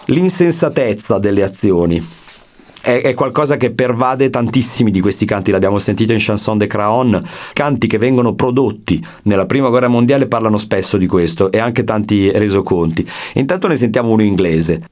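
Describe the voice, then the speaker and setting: A man with a fairly low voice delivers a history lesson in a calm, measured way. He explains step by step, pauses to rephrase, and reads book passages aloud in the same steady tone. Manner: measured, explanatory, with small restarts. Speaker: history lecturer.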